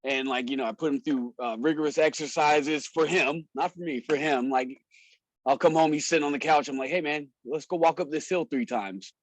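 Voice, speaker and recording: A man's voice: on the high side, fairly quick, dry recording, rough recording. A man, a wrestler and show promoter, telling stories in a casual, slangy way and laughing often. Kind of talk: casual storytelling in a podcast interview.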